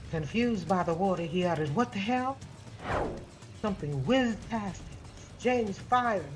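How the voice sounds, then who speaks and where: A woman narrating a scripted horror story as a podcast host, in a slow, deliberate, dramatic manner. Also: lowish voice, lively intonation, over loud music.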